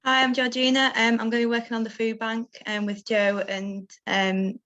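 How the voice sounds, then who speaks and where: A woman's voice: on the high side, level tone, normal speed, fairly bright tone. Hesitant woman on dull-sounding video call. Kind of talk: hesitant self-introduction.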